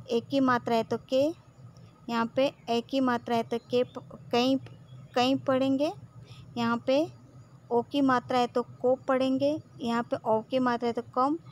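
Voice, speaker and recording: A woman's voice: on the high side, slight background noise. A woman teacher with a Gujarati accent who patiently drills syllables one by one, saying "okay" often. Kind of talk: slow classroom lesson.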